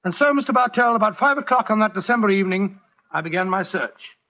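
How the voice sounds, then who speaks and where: A man's voice: high-pitched, lively intonation, quick pace. An actor playing a genial older British doctor, avuncular and wordy, recounting his adventures in a 1940s radio drama. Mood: storytelling. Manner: avuncular, wordy, old-fashioned diction. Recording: muffled, noisy 1940s radio recording.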